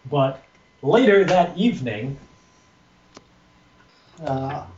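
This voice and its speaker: Man, game master, tabletop narration, animated, echoing room, faint noise. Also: on the high side, drawn-out words, far from the mic. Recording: roomy, noisy, muffled room recording.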